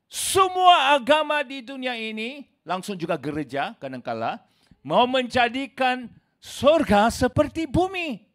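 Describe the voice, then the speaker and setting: A man preaching a sermon in an emphatic way, calling his listeners brothers and sisters, swinging from loud exclamations to low asides. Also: huge pitch swings, measured pace. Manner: addresses listeners as "saudaraku".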